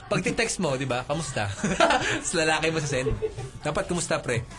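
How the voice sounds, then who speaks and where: A man hosts a casual radio chat and keeps joking at his guests' expense. His voice sits a little high. Music plays clearly behind him. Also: sing-song, moderate pace. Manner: teasing, joking interviewer. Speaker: radio host. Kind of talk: casual chat interviewing a band. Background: background music.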